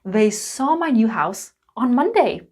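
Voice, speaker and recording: A woman teacher giving a recorded English grammar lesson, explaining each point slowly and with clear emphasis. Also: fairly high pitch, big pitch swings, a little mellow. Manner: slow, deliberate, emphatic explaining.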